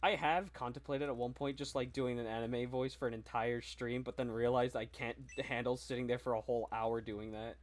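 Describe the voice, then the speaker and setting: A young streamer talks casually to chat in a neutral, middle-pitched voice. The recording is noisy, with clicks and game sounds behind. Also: fairly even intonation, fairly quick, hardly any pauses. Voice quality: neutral, versatile voice.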